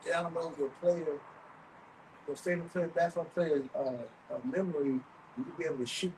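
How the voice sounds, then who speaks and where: A man in a casual group chat, speaking emphatically and pausing with fillers while he lists examples. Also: on the high side, fairly even intonation, darkish tone, far from the mic, slight background noise, low-quality recording. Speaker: podcast co-host.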